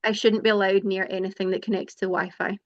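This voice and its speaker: A woman's voice: medium pitch, level tone, quick pace, muffled recording. A Scottish woman hosting a casual chat over a video call, rambling a little with fillers. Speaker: host interviewer.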